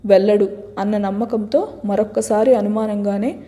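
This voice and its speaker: Woman narrating a serialized story, mellow tone. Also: mid-range voice, steady tone, moderate pace. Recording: long hall reverb.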